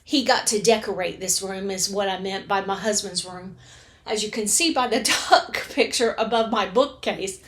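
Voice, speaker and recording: A woman's voice: medium pitch, moderate pace, a bit bright. A middle-aged woman chatting casually to camera from her home reading room, rambling and correcting herself as she goes. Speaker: book vlogger.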